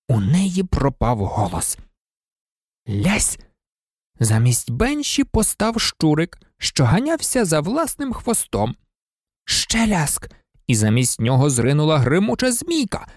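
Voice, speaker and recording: A reader narrating a storybook expressively, with pitch shifting for drama. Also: huge pitch swings, a little slow, dry recording, clean studio sound. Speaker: audiobook reader.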